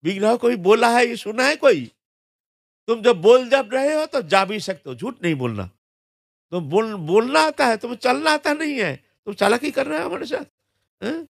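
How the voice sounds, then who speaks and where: A man voicing a poor young Brahmin who is at the end of his rope. He pleads, scolds and insists in a high, strained voice. The sound is gravelly, close and dry. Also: normal speed, no echo. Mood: indignant pleading.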